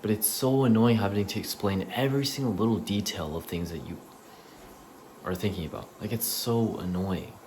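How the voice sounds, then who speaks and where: A man's voice: lowish voice, normal speed, darkish tone, slight background noise. A young man rambling through a personal vlog rant, swearing freely and sometimes dropping into a whisper, recorded in a small bathroom. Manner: profane, rambling, restarts, drops to a whisper at times. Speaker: vlogger. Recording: echoey small room with faint ambience.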